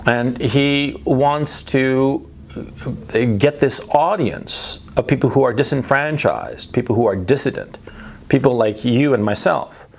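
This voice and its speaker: A man's voice: medium pitch, slow pace. A man who grew up in Chile and the United States, giving a blunt, emphatic opinion monologue, often restarting and tagging his points with "right?". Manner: emphatic, blunt, repeats for stress; speech full of restarts and tag questions. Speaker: political commentator.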